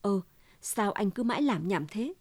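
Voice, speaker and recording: A woman's voice: medium pitch, expressive, moderate pace, darkish tone, dry recording, close to an everyday voice. Woman reading as a pleading, distraught wife. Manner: pleading, insistent.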